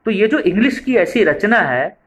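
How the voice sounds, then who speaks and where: A man's voice: high-pitched, very animated, normal speed, fairly bright tone. A man delivers a training lecture in a slightly raised voice. He explains each point patiently and repeats key phrases for emphasis. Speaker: preschool method trainer.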